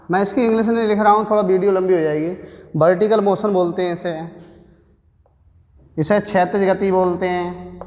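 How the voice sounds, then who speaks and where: Male teacher, Hindi accent, high voice, asks and answers his own questions, long hall-like reverb. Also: a little mellow. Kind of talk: classroom physics lecture at a board. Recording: echoey room with long reverb.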